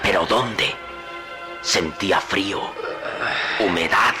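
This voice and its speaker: A man with a low-sitting voice narrates a radio adventure serial slowly, his grave storytelling building toward urgency. The vintage radio drama recording is echoey, with loud music.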